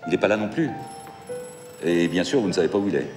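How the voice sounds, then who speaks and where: An actor playing a middle-aged French president who barks curt orders in a period TV drama. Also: male voice, low-pitched, expressive, music in the background. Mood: brusque. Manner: gives brisk orders, gruff. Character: older male president, commanding, curt, under strain. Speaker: President of the Republic.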